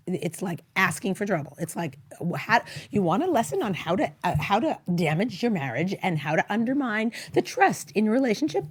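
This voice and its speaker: Animated woman with a hoarse frog voice. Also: medium pitch. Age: middle-aged. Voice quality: croaky, froggy, husky voice. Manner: animated, emphatic, conversational, with rhetorical questions. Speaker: talk show host. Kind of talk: informal advice talk show. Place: small indoor studio set. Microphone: close tabletop microphone.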